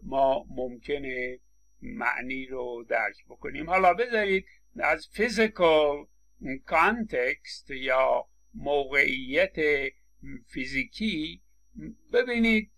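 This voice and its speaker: Gravelly, bright-voiced male lecturer. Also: on the high side, animated. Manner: explains with examples and acted-out quotes, frequent stammered restarts. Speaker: linguistics lecturer. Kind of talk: recorded university lecture.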